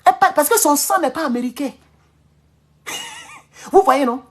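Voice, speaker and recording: A man from Ivory Coast with an Ivorian French accent, giving an animated, casual political monologue at home, repeating phrases and chuckling often. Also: very high voice, moderate pace. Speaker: political commentator. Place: at home in his kitchen.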